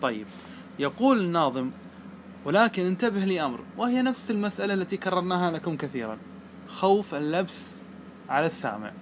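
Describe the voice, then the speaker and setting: Man teaching grammar, fairly high voice, patient, repeats points, faint air-con hum. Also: very animated, quick pace, pauses often. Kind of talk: explaining a grammar poem line by line.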